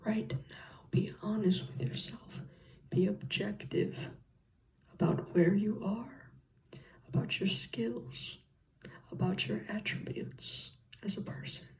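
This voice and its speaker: A person gives an encouraging, reassuring ASMR pep talk in a soft, breathy whisper, speaking gently in short, paused phrases. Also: medium pitch, fairly even intonation, recorded from a distance, rough recording. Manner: slow, gentle, pausing between short phrases. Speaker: ASMR content creator.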